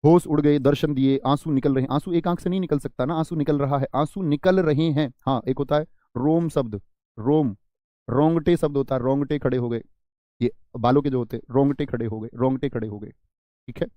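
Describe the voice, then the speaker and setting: A man's voice: mid-range voice, a little fast, no room sound, lo-fi sound. A man teaching a Hindi grammar class online, talking straight to his students, stressing and stretching single words to drive points home. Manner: addresses students as friends, preachy asides.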